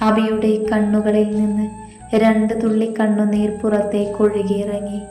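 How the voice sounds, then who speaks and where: A woman reading a romance story aloud in an even, unhurried way. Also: mid-range voice. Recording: roomy echo, faint background music. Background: faint music.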